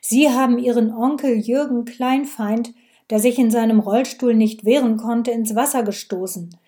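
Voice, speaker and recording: A woman reading an audiobook voices a gruff, mocking male village policeman who talks loud, clipped and sarcastic. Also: fairly high pitch, fairly even intonation, moderate pace, natural voice. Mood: thundering.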